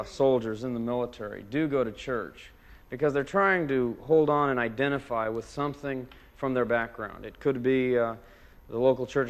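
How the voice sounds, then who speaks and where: A man, a military chaplain, giving a welcome address. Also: mid-range voice. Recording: long hall reverb.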